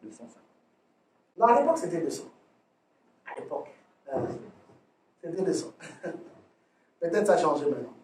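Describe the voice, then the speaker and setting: A man preaches a sermon with a high-pitched voice, swinging between loud emphatic phrases and quiet asides and repeating words as he restarts. The room is echoey, and he sounds set back from the microphone. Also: big pitch swings, normal speed, pauses often, far from the mic, a little hiss or hum. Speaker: pastor. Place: church hall.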